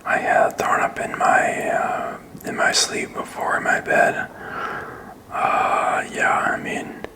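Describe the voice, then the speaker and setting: A man speaks entirely in a whisper, in an ASMR style. His delivery is slow and halting, wandering along unscripted. He is right up against the microphone in a small indoor room. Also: bright, forceful tone. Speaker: ASMR video creator. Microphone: desk microphone with furry windscreen, very close.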